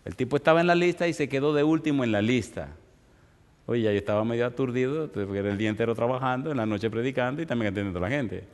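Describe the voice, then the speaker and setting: A man pastor preaching a sermon, telling stories in an animated way and asking the congregation rhetorical questions. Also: mid-range voice, quick pace, in a large hall. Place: church.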